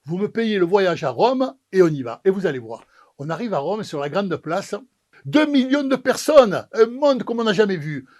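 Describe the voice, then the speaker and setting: A man spins a comic yarn about his own life, his voice sitting noticeably high for a man. He throws himself into the dialogue and acts out each character as the story unfolds. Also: sing-song, normal speed, a little mellow. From Marseille, France. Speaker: pizza maker telling his story.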